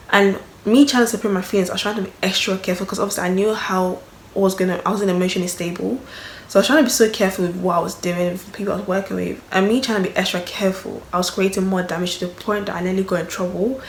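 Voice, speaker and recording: A young woman telling a personal story in a candid vlog, rambling and emotional, full of fillers. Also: mid-range voice. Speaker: vlogger. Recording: echoey room, faint background noise.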